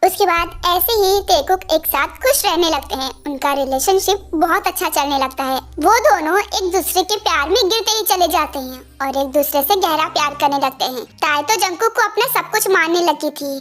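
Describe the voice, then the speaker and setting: A woman's voice: extremely high pitch, animated, normal speed, hardly any pauses, a bit bright. A woman narrating a homemade fan story in a plain, simple storytelling way. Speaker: channel owner, narrator. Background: faint music.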